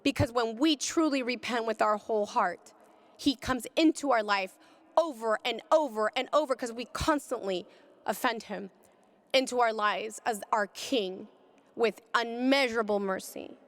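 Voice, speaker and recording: Woman telling her testimony, fairly high voice, really impassioned, voice climbs up when it gets intense. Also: normal speed, big-room sound. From California. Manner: impassioned, rising to cries in high moments. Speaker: pro-life speaker. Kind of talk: emotional testimony talk.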